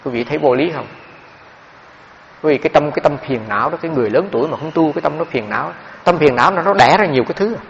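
A male monk preaches at a quick clip, his fairly high voice gravelly in the lower notes. He tells stories in an animated way and keeps turning to his listeners. The recording is dull and carries a long hall echo. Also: slight background noise. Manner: animated, addresses listeners directly. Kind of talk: dharma talk with storytelling.

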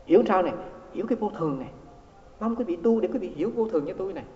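A man's voice: high-pitched, expressive, racing, mellow. Man preaching in an echoey hall. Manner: storytelling, repeats words, acts out quoted exchanges. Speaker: Buddhist monk teacher. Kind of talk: dharma talk sermon. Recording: echoey hall, dull lo-fi sound.

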